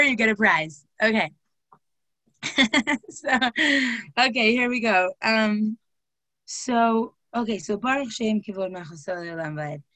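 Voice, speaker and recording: A woman's voice: mid-range voice, no echo, rough recording. A woman teaching a class, asking her listeners question after question and mixing Hebrew terms into her talk. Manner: lively, asks questions, uses Hebrew terms. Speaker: Torah teacher. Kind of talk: classroom lecture.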